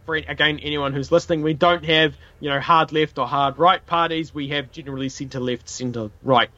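A man's voice: fairly high pitch, steady tone, brisk, sharp tone, no room sound, lo-fi sound. A man with a broad New Zealand accent telling history casually as a podcast host, colloquial and sweary.

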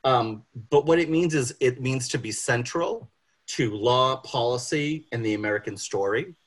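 A husky-voiced man of medium pitch speaks as a panel speaker, delivering a prepared talk on social justice. He phrases things deliberately and with emphasis.

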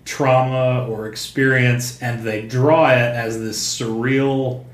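A man co-hosting a podcast, chatting casually about comics, halting with fillers and restarts. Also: mid-range voice, fairly even intonation. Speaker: podcast co-host. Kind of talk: casual comic book chat. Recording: roomy untreated room sound.

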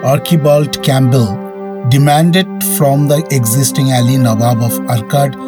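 A man's voice: medium pitch, steady tone, a little slow. A man co-hosting and reading a scripted history narration. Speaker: podcast co-host. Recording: music bed under the voice. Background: background music.

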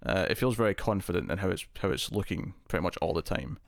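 A man hosts a casual film podcast in a low, fast voice with lively intonation and some vocal fry. He chats loosely, laughs often, and restarts words, recorded with studio quality and no echo.

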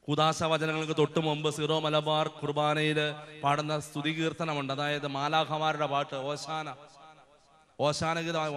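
Male preacher, fervent sermon, hallelujah calls, slightly high voice, long hall reverb. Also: a bit bright. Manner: calls out hallelujah, asks the congregation questions.

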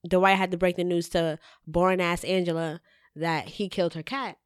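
Animated woman in casual chat. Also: on the low side, moderate pace, clear, resonant tone, dry recording, studio quality. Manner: animated, swearing, acts out quotes.

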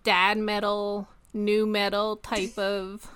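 A woman guest on a film podcast in casual chat, unhurried, filling with "like" and laughing often. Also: medium pitch, completely flat delivery, a bit bright, clear, resonant tone.

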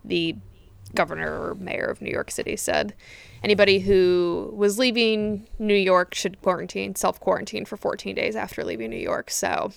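A woman's voice: medium pitch, normal speed, creaky, dry recording. A woman co-hosting a podcast, chatting casually and joking bluntly, with some swearing. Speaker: podcast co-host. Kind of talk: casual chat.

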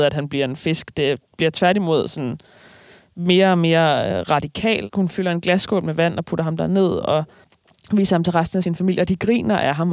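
A writer reading aloud slowly from a novel, then talking about the book with hesitant fillers. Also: medium pitch, vocal fry, dry recording, clean studio sound. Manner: slow, measured reading with hesitant fillers in discussion.

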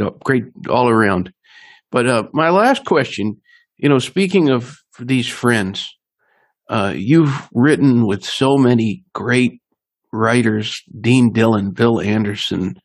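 A man interviewing a guest in a polite, appreciative, conversational way. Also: medium pitch.

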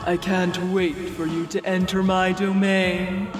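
An actor playing a menacing, theatrical undead horror host in a comic podcast promo, grandly addressing mortals and easily exasperated. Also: male voice, high voice, level tone, measured pace. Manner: theatrical, ominous. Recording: long cavernous reverb over music.

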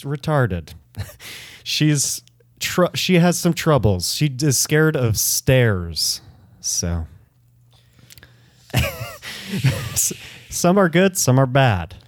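A man's voice: medium pitch, no room sound, studio quality. A man hosting a podcast, chatting casually and laughing often. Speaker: podcast host.

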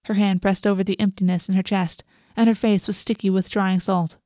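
A woman narrates a fantasy story in audiobook style. Her voice sits at a middle pitch and follows a written text, with a close, dry sound free of room echo. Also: little pitch movement, a little fast, dark tone. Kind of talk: scripted fantasy fiction narration.

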